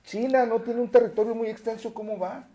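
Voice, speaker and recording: Mellow-voiced Mexican male teacher. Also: extremely high pitch, fairly even intonation, a little fast, slight background noise. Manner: explanatory, lecturing tone with tag questions. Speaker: guest, teacher. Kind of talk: casual interview chat.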